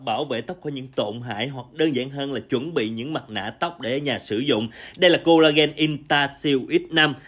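A young salon owner talks viewers through hair care in a voice-over, chatty and instructive. His voice sits a little high for a man, and he speaks to the audience like family. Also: a bit bright. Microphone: voice-over narration.

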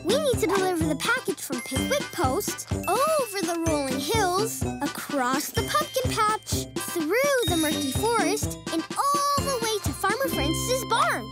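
A woman's voice: very high-pitched, big pitch swings, a little slow, heavily acted. A woman voicing a kindly, reassuring little girl creature who leads her friends in a children's cartoon. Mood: cheerful, organizing. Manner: encouraging, clear explaining. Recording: loud children's music behind the voice.

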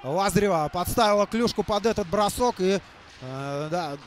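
High-voiced man calling live hockey. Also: lively intonation, a little hiss or hum. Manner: halting, repeats phrases for emphasis. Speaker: hockey commentator. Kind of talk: live play-by-play sports commentary.

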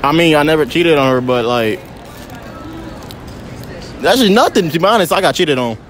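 A man's voice: a little high, lively intonation, normal speed, a bit bright. A teenage man answering a street interview in a mall, laid-back and a little hesitant. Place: indoor shopping mall. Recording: mall crowd noise.

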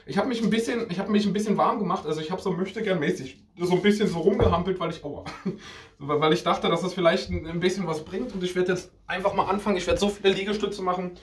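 A man's voice: sits high, fast. A man of twenty-two talking casually to the camera, informal and slangy, often repeating words as he goes. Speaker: video creator. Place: small indoor room.

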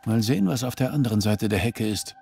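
A man's voice: on the low side, quick pace, gravelly, breathy edge. An actor playing a troubled, brooding male protagonist in a video game, musing to himself in inner monologue. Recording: game audio with loud music.

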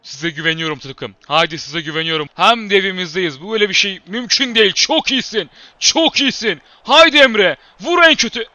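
A man giving live commentary over his football career-mode game, shouting at his players and then muttering when things go wrong. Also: sits high, lively intonation, a little fast, hardly any pauses, dry recording, muffled recording. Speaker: gamer and channel host.

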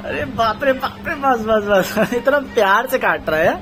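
A young man in a family vlog talks casually in a very high, animated voice at a measured pace, playfully teasing his baby son. He's in a small home while it rains, and the phone recording is noisy.

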